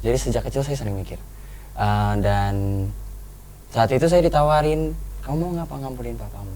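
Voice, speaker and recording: Earnest young man, dark voice. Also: lowish voice, slight background noise, poor audio. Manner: earnest, reflective, halting with restarts. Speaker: guest. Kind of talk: personal storytelling in a talk show.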